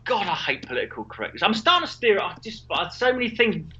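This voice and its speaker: A man co-hosting a casual comedy chat over a call, excitable and sweary, with a voice that leaps up and down. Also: high-pitched, fast, dull audio. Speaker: podcast co-host. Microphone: remote call.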